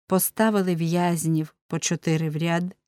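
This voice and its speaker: A woman narrating an audiobook in a measured, solemn way. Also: fairly low pitch, steady tone, a little mellow, clean tone, no echo, clean studio sound.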